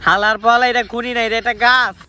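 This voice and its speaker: A man playing a brisk, exasperated junior policeman in an amateur comedy skit, urgent and scolding. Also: very high voice, fairly even intonation, heavy background noise. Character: brisk, exasperated junior policeman, nagging his timid boss.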